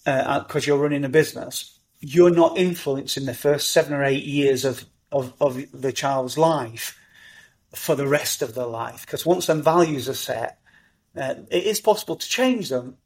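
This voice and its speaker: A middle-aged man, talking as a podcast guest in an animated, upbeat way. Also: mid-range voice, normal speed. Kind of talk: conversational interview.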